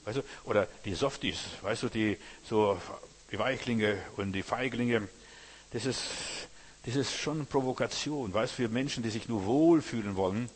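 A man's voice: mid-range voice, moderate pace, slightly rough. A man preaching a sermon in earnest German-language style, addressing his listeners directly as brothers and sisters.

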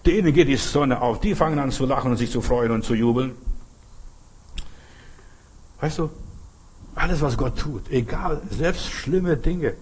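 A man's voice: mid-range voice, measured pace, pauses often, a little mellow, a little hiss or hum. A man preaching a sermon, driving home his points with repeated rhetorical questions. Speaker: pastor.

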